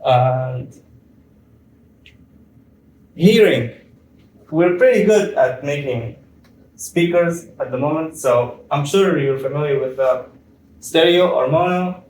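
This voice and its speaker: A young man from Tunisia giving a conference presentation, explaining step by step with frequent pauses and fillers. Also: fairly high pitch, darkish tone. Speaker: PhD student presenter. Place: conference room. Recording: echoey room, far from mic.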